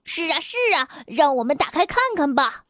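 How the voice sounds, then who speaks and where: A woman voicing two boisterous young twin boys, eager and excited in a storybook reading. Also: sits high, moderate pace, no echo, clean studio sound. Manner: eager, excited, talking over each other.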